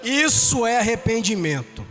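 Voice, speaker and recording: Impassioned high-voiced Brazilian preacher. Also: male voice, very animated, normal speed, faint music behind. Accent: Brazilian Portuguese. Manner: impassioned testimony, rising to shouts. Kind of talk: sermon. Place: church.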